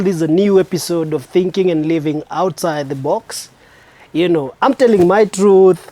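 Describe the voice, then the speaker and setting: Hosting his own show, this Kenyan-accented spoken word artist gives a reflective, preachy monologue, leaning on each stress slowly and emphatically. He sits high, with a warm tone.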